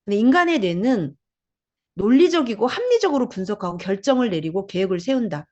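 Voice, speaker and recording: A woman's voice: medium pitch, a little fast, highs cut off. A woman hosting a book club talk, explaining ideas and acting out quoted speech. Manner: lively, acts out quoted speech.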